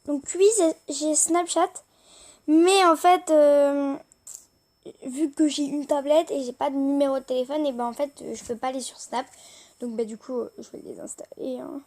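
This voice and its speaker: A young French-speaking woman with a high, slightly mellow voice talks at normal speed with a steady tone. In a casual screen-recorded chat, she hesitantly rambles through the apps on her tablet, using lots of fillers.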